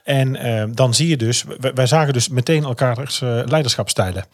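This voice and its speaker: Husky-voiced man chatting casually. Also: medium pitch, moderate pace, dry recording, clean studio sound. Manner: lively storyteller, laughs often. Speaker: podcast co-host. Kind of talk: casual chat.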